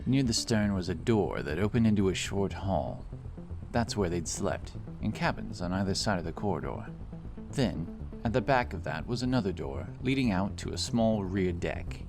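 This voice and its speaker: With background music clearly underneath, a man with a low, expressive voice reads a scripted fantasy story as an audiobook, keeping a moderate pace.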